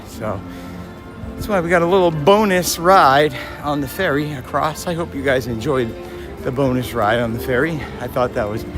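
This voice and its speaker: A man hosts a casual walk-and-talk livestream outdoors in a busy theme park, his medium-pitched voice raspy and hoarse from yelling at a concert. He talks at normal speed, chatting with viewers and passersby. Music, park noise, and vehicle sounds fill the background.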